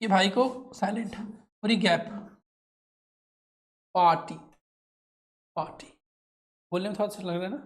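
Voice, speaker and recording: A man teaching English grammar with an Indian English accent, drilling words slowly and asking the class to repeat them. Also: high-pitched. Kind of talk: classroom lesson, call and response.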